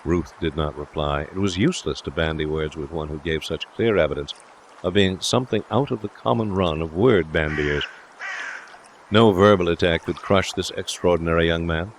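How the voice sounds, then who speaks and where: A man with a low voice reads literary fiction aloud at a normal speed as an audiobook narrator, in a scripted storytelling style. There's a little hiss or hum in the recording.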